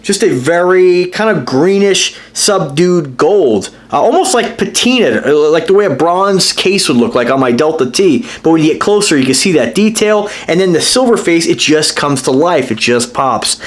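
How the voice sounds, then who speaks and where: A man's voice: fairly high pitch, animated, moderate pace, hardly any pauses. A man hosting a casual watch review vlog, talking to his viewers in an enthusiastic, rambling way with lots of fillers and restarts. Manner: addresses viewers directly as guys. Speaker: watch reviewer and channel host.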